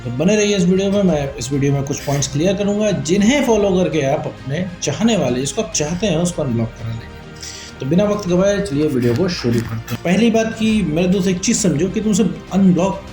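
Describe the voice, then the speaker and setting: A man's voice: sits high, lively intonation, fairly quick, mellow, reverberant, faint music behind. A man talking straight to his viewers, giving relationship advice in an informal, lecturing way and often calling the listener his friend. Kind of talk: direct-to-camera advice talk.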